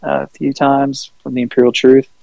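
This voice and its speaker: A man co-hosting a podcast, telling a rambling, laid-back story in casual chat, swearing freely and filling pauses with ums and uhs. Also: mid-range voice, level tone, creaky, mellow, no room sound, rough recording. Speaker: podcast co-host.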